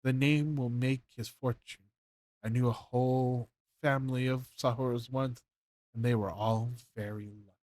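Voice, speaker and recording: A man's voice: medium pitch, steady tone, unhurried, a little mellow, no room sound, natural voice. A man playing an older, easily frightened woodcarver who talks to himself nervously. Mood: musing. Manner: trembling, nervous self-talk.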